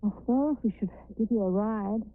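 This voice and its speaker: An actress playing a determined, unyielding heroine in a TV fantasy drama, speaking firmly on an old broadcast recording. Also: female voice, medium pitch, fairly quick, natural voice. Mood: cool. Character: determined, unyielding heroine reclaiming what is hers. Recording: tinny old TV broadcast with music.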